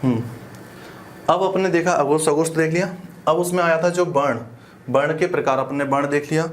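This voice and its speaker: A man with a slightly high voice teaches an exam-prep grammar lesson, laying out each term step by step. He talks casually and keeps checking that the students are with him. A faint hiss of noise sits under the recording. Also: fairly even intonation, normal speed. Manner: explains step by step with frequent check-in questions; colloquial, uses "apan" for "we".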